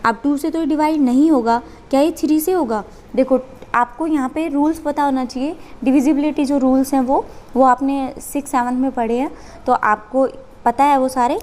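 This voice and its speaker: A woman's voice: high-pitched, steady tone, moderate pace, a little mellow. A woman teaching a maths lesson, working step by step and asking and answering her own questions.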